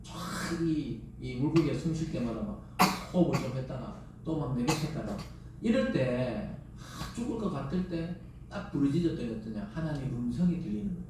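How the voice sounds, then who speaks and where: Picked up by a distant mic in an echoey church sanctuary with background noise, a middle-aged man gives a Sunday sermon as pastor. His medium-pitched, expressive voice moves at normal speed, rising and falling sharply for emphasis as he fires rhetorical questions at the congregation.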